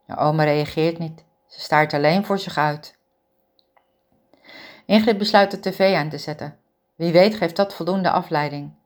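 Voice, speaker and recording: A woman reading a romance story aloud as narrator in a calm, steady manner. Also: lowish voice, measured pace, pauses often.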